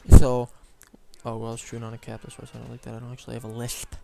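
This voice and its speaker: A young man co-hosting a casual story show, wandering through his tale with constant fillers and restarts. His voice sits in an ordinary middle pitch, with a faint hum of noise behind him. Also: completely flat delivery, very fast, vocal fry, warm tone. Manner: rambling, many "like" fillers and self-corrections.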